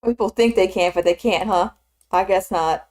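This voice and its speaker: A woman in her twenties from the Southern United States streams while 3D modeling, chatting casually and rambling with lots of filler words. Her voice is medium in pitch and a little mellow, and she talks at a normal speed.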